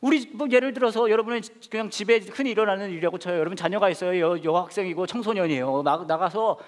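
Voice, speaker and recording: A male pastor preaching a sermon, telling stories with lively, acted-out family scenes. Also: fast, big-room sound. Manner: animated storytelling, acting out family quarrels in a high voice.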